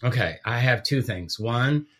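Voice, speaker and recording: Speaking at a measured pace, this middle-aged man from Guatemala has a medium-pitched, expressive, slightly bright voice. He's a theology professor guesting on a podcast, and his relaxed talk wanders, restarts, and pokes fun at himself.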